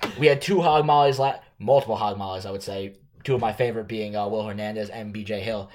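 A man's voice: fairly low pitch, steady tone, fast talker, lightly acted. A man playing a flustered team general manager who rambles defensively and blows up in anger. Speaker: podcast co-host.

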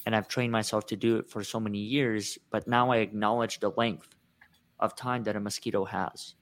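A man's voice: lowish voice, little pitch movement, moderate pace. A man asking questions in a casual discussion, reflective and musing. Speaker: discussion participant.

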